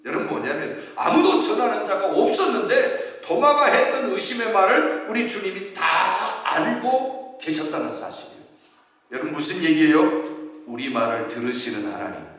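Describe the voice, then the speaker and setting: Male pastor, high lively sermon voice, distant, big echoey sanctuary. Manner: animated preaching, rising to shouts, often addressing the congregation. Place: church sanctuary. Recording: echoey hall, from far off.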